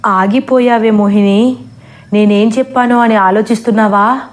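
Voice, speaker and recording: A woman's voice: medium pitch, monotone, unhurried, darkish tone, lightly acted. A woman voicing a devout male ascetic who chants and prays earnestly in a storybook horror tale. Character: devout male ascetic, steadfast, praying to Shiva.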